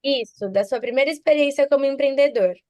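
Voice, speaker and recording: A woman asking an interview guest polite, formal questions, with a respectful tone throughout. Her voice sits fairly high for a woman. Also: brisk, dark tone. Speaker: student interviewer.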